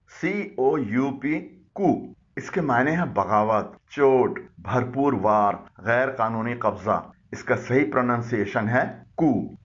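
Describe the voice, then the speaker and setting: Man calmly explaining word pronunciations. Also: medium pitch, dull audio. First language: Urdu. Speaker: language teacher. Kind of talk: explanatory lesson.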